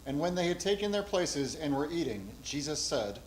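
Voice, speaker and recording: A man's voice: a little high, big pitch swings, normal speed. A man reading gospel verses formally as a church reader. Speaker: scripture reader at a Good Friday service. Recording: echoey room with clear background noise.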